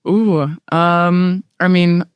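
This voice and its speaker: A Southern Californian guest in their late twenties chats casually in an interview, with an American accent, easy laughter, and plenty of "like" and "um." The voice is medium-pitched and steady in tone, delivered extremely slowly, with a clean sound and a dry recording.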